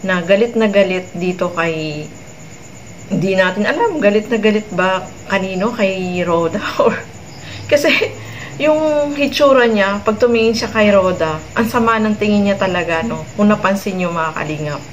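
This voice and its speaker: A woman comments conversationally for her audience, and her remarks often end in tag questions. Her pitch sits in a middle range. A faint noise runs underneath. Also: moderate pace, low-quality recording. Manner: chatty, with frequent tag questions. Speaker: vlog host commenting on a clip.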